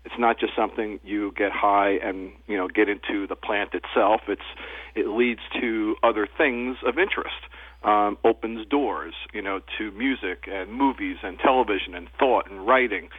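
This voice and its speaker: A man's voice: fairly low pitch, normal speed, slightly rough, dry recording. A man speaking over the phone as a guest on a radio talk show, easygoing and chatty. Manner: easygoing, talks in loose lists with "you know". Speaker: guest, cannabis journalist and editor. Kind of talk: casual radio interview. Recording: tinny phone line.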